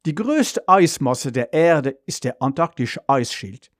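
A man's voice: medium pitch, takes it slowly, dry recording, clean studio sound. A man doing a know-it-all robot car. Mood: lecturing. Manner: even, informative, slightly reproachful.

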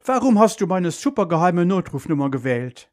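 A calm male superhero in a hurry, talking steadily and matter-of-factly over an emergency call, as a man reads him in a children's radio story. His voice sits a little high for a man and carries a slightly distant timbre. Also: normal speed. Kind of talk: school radio story reading.

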